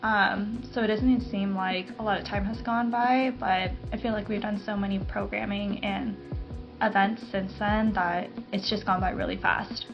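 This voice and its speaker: A woman co-hosting a casual podcast chats in a relaxed, easygoing way, sprinkling in fillers as she talks. Her voice sits at a medium pitch. The sound is a little dull, with faint music behind her. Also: normal speed, vocal fry. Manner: relaxed, chatty, many fillers. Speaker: podcast co-host, garden operations manager. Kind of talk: casual chat.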